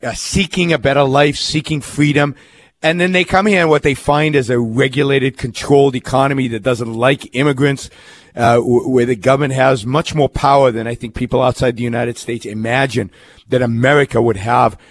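A man's voice: mid-range voice, fairly even intonation, moderate pace. A man from Israel hosting a call-in radio talk show, speaking earnestly with frequent restarts and fillers.

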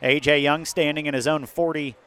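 A man with an American accent doing live football play-by-play outdoors atop a windy press box, lifting into excitement on big plays. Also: on the high side, brisk. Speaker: play-by-play sports announcer. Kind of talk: live American football radio-style commentary. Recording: windy outdoor stadium broadcast.

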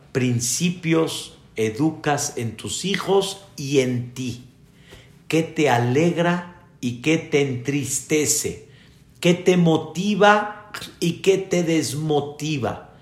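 A man, a rabbi giving an earnest sermon to his congregation. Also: on the high side. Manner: earnest, addressing the congregation directly. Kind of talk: sermon with storytelling. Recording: echoey room.

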